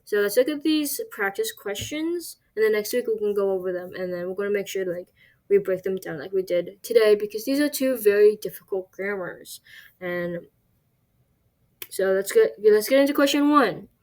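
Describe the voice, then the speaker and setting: A woman talks through a recorded language lesson at a middling pitch for her sex. She explains step by step, restarts her sentences, and keeps asking "right?" to check in. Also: expressive, moderate pace, darkish tone. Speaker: Chinese language teacher.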